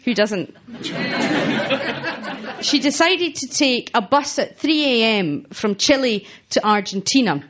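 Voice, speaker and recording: Lively Scottish woman doing stand-up. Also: fairly high pitch, slow, pauses often, over a noisy crowd, very noisy. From Scotland. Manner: self-mocking, laughing at her own punchlines. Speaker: stand-up comedian. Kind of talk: stand-up comedy set. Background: audience laughter.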